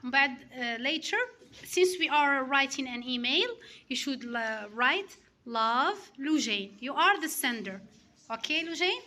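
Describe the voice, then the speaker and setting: A woman's voice: high-pitched, expressive, unhurried, sharp tone. A woman teaching English in a classroom, prompting and correcting her pupils patiently. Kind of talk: classroom instruction.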